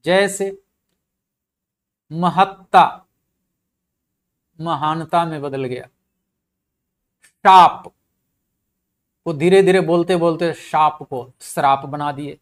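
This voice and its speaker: A middle-aged man giving a classroom lecture on Sanskrit linguistics. He explains in a step-by-step way, repeats key words, asks rhetorical questions and stresses each example word loudly before dropping his voice. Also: on the high side, measured pace. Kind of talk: classroom lecture in Hindi with English terms.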